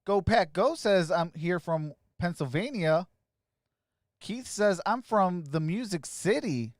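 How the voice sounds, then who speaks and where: A man hosting a sports live stream, casually greeting viewers by name and giving shout-outs as he reads their comments. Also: high-pitched, expressive, slow, no echo, clean studio sound.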